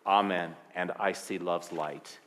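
A man leading a church service, reading the announcements and closing with a blessing in a gentle manner with light humor. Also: sits low, fairly even intonation, slow, slight background noise. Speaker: minister. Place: large church sanctuary. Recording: long hall reverb.

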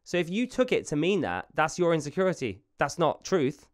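Male podcast co-host, slightly high voice, insistent and teasing in casual debate. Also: very animated, fairly quick. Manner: insistent, teasing, talks over the other.

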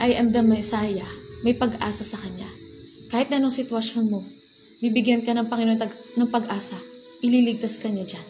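Woman church worker, earnest sermon, higher voice, music bed under her. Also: low-quality recording. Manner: earnest, repeats reassuring lines, mixes in English phrases. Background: soft music.

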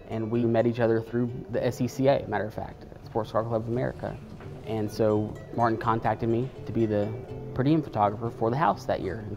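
A man from Atlanta, a photographer speaking in a measured, soft-spoken way in a documentary interview. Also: mid-range voice. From Atlanta, Georgia. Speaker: legislative photographer. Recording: interview with music underneath.

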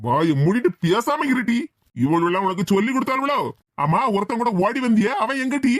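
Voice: mid-range voice, expressive, a little fast, no echo, clean studio sound, close to an everyday voice. A voice actor playing a hot-tempered village man with a Tirunelveli accent, scolding and threatening his niece in a cartoon. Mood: angry scolding. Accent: Tirunelveli Tamil.

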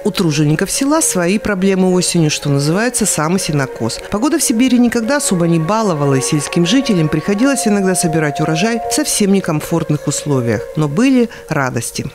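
A woman's voice: fairly low pitch, lively intonation, quick pace, few pauses. A woman reading a scripted voice-over for a television news report. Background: music.

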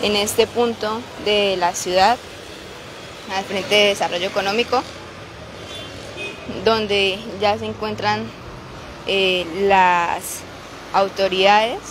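A woman reporting live from a city street as a local news reporter, pausing often with filler sounds. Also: mid-range voice, fairly even intonation. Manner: halting, many filler "eh"s. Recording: street noise behind the voice. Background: traffic and street noise.

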